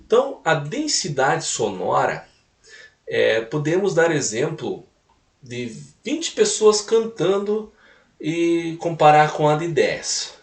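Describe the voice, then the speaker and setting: A man's voice: a little high, big pitch swings, slow pace. A man teaching a recorded music lesson, explaining step by step and tagging points with little questions. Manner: explanatory, repeats points with "né?" tags. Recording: roomy echo, mic at a distance.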